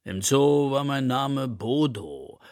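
A big, gentle elephant, as a man puts him on for a storybook, talking slowly and full of longing. The voice is a little gravelly and close, in a dry room. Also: medium pitch, animated, no echo. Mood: wistful. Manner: slow, longing, soft-spoken. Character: gentle, wistful male elephant, big and slow.

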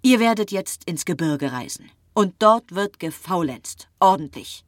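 A woman doing a brisk, insistent doctor. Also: fairly low pitch, expressive, no echo, studio quality, voice pushed up. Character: brisk, reassuring male doctor friend. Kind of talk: audiobook reading.

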